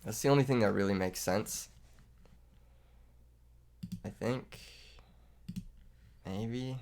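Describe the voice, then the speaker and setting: Creaky and darkish, low-leaning and slow, the voice of this young YouTuber shows the illness that took it as he commentates his card game live, joking, laughing a lot and mocking himself. A little hiss or hum sits in the recording.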